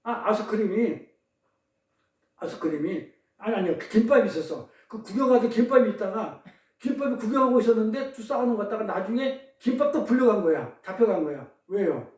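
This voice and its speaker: A pastor preaching a sermon in a church service, questioning the congregation and trading answers, with pun riddles along the way. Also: male voice, high voice, animated, a little fast, darkish tone. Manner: questions the congregation, call-and-response. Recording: echoey room, distant mic.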